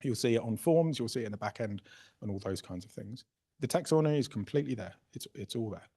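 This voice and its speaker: In a workshop room, a man presents a software workshop, casually talking through a live demo and frequently checking in with "right?" and "okay?". His medium-pitched voice is animated, fast, and slightly breathy.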